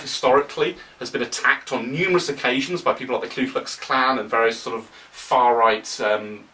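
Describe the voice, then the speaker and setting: A young man with a British accent giving animated, opinionated commentary to camera, often sarcastic. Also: medium pitch, far from the mic, poor audio. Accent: British English. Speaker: political vlogger.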